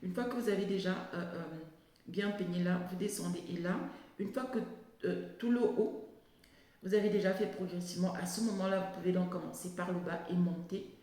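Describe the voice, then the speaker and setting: A woman, talking casually and haltingly as she explains and tells anecdotes, often repeating words as she searches. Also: fairly low pitch, steady tone, mellow. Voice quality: lisp on s sounds. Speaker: video blogger on natural hair. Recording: very echoey, reverberant room.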